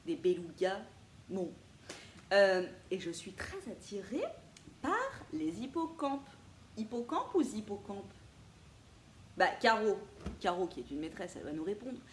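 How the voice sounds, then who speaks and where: Lively, chatty woman vlogger. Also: medium pitch, unhurried, long pauses. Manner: chatty, animated, laughs often, playful asides. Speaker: vintage thrift haul vlogger. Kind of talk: casual chat to viewers. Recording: echoey room with faint ambient noise.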